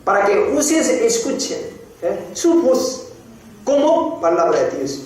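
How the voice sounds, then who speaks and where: High-voiced pastor in a very echoey hall. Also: male voice, big pitch swings, darkish tone, distant mic. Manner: slow, repeats phrases, frequent "eh?" prompts to the congregation. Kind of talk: sermon teaching. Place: church hall.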